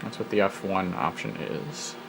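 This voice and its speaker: In a low, unhurried voice, a man hosts a retro computer walkthrough, thinking aloud while reading an old program's prompts. He drops wry little asides, and there's background noise.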